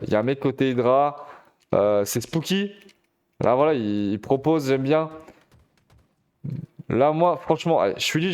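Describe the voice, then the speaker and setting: A man casting a competitive shooter match live, chatty and excitable, talking straight to his viewers. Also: mid-range voice, smooth. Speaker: esports caster. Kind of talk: live game commentary.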